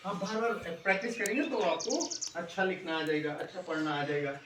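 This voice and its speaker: A man's voice: high-pitched, animated, a little fast. A middle-aged male schoolteacher, teaching a class and coaxing the pupils with constant check-in questions. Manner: coaxing, keeps asking "है ना?". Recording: echoey room, distant mic, faint noise.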